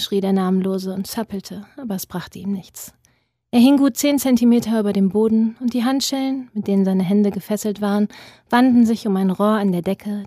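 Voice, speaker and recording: A woman author and guest, reading aloud from her thriller novel in an even, measured voice. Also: mid-range voice, breathy edge, no echo, clean studio sound.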